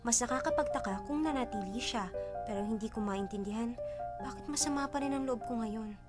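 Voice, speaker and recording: A woman dubbing the part of a proud, sharp-tongued poor young woman in a drama. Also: on the high side, a little fast, close to an everyday voice. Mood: brooding. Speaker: dub actress. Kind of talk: Tagalog drama dub. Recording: dub with faint music underneath.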